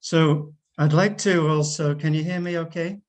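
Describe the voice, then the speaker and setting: An older man with a hoarse, croaky voice, giving a halting conference presentation over a video call. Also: on the high side, fairly even intonation. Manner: halting, often repeats and breaks off words. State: hoarse from wildfire smoke and asthma. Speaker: research scientist and clinical pathologist, invited speaker. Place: remote online presentation by screen share. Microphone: video call microphone.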